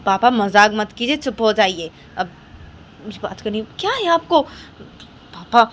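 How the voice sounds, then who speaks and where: A woman voicing a hot-tempered young woman who loudly scolds her father, in a told love story. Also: mid-range voice, moderate pace, slight background noise, close to an everyday voice. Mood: irritated. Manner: loud, scolding, exasperated.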